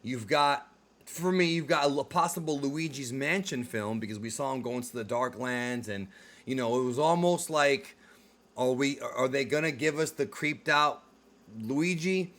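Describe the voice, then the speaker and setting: This man hosts a show about movies and video games, talking casually and enthusiastically and speaking emphatically straight to his viewers. His voice sits in the mid range, slightly bright, at a moderate pace.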